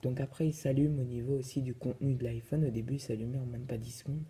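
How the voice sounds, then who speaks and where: A man's voice: mid-range voice, steady tone, fast, mellow. A man casually reviewing a phone in his vlog, hesitant and full of fillers. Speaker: vlogger.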